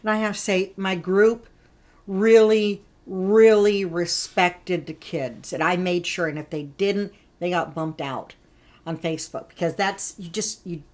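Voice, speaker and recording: Woman, lowish voice, chatty art instructor, live coloring tutorial. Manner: chatty, instructive, greets viewers by name.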